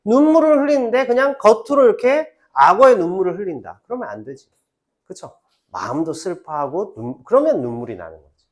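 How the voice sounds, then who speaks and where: Middle-aged male literature teacher, high and animated, chatty lecture style. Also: a little fast. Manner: animated, chatty asides, acts out quoted lines. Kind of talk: lecture to high school students.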